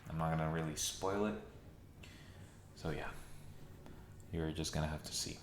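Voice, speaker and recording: A man's voice: rumbling low, fairly even intonation, normal speed, a little hiss or hum. A man giving casual, sometimes dryly sarcastic commentary to his viewers, recorded with heavy echo in a nearly empty room. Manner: conversational, dryly sarcastic at times. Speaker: video essayist. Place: mostly empty room in a new home. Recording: echoey reverb from an empty room.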